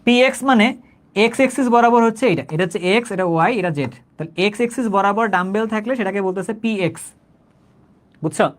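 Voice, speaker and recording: Young male Bangladeshi tutor, quick patient delivery, repeats points and checks in often. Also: high voice. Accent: Bangladeshi Bengali. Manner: conversational, keeps checking if students understood; says he talks slowly, repeats himself. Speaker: chemistry teacher. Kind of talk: live online class.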